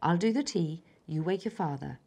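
A young girl reading the lines of a caring, bouncy mother in her own story, in a raised, brighter voice. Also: on the low side, expressive, normal speed, gravelly, slightly rough, full character voice. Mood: fond, concerned.

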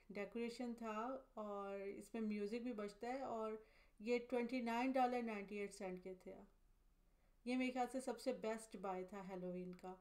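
A woman from Pakistan, speaking, gives steady, matter-of-fact voice-over narration as a vlogger and mother, listing items and prices one by one. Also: on the high side. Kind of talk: scripted voice-over narration of a store tour.

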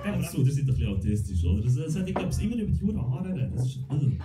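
Swiss German comedian, deadpan stand-up. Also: male voice, on the high side, very fast, distant mic. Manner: deadpan, self-mocking, acts out voices. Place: comedy club stage. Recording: roomy club with loud crowd and music.

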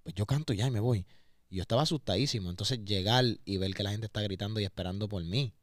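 A man's voice: lowish voice, fast talker, dry recording, clean studio sound. A man with a Puerto Rican accent, a singer guesting on a podcast, talking openly and emotionally, often repeating words as he searches for them. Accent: Puerto Rican Spanish. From Puerto Rico. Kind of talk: candid interview conversation. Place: podcast studio.

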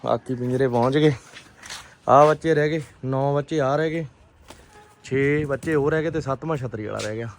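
A man giving casual, animated vlog commentary, often repeating short phrases. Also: medium pitch, normal speed, slight background noise. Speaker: pigeon keeper and vlogger.

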